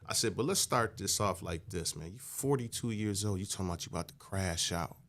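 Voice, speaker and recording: A man in his fifties from Michigan, a podcast guest telling stories in a calm, measured, conversational way and often adding "you know". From Michigan, USA. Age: 50s. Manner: calm and measured, low-key, frequent "you know" asides. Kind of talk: conversational storytelling.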